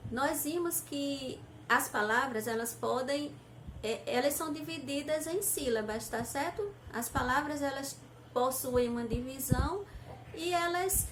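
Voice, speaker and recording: A Brazilian woman teacher speaks to young children in a high voice, patiently repeating herself and sounding out syllables. The room echoes around her, with a faint hiss underneath. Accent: Brazilian Portuguese. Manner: patient, repeats points, spells out syllables slowly. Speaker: primary school teacher. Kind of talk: teaching a recorded class to children.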